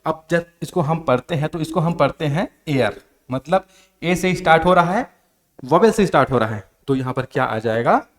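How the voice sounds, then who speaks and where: A man's voice: fairly high pitch, lively intonation, moderate pace. A man from India with a Chhattisgarh accent, teaching a grammar class. He asks questions and answers them himself. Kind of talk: classroom lecture. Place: coaching class.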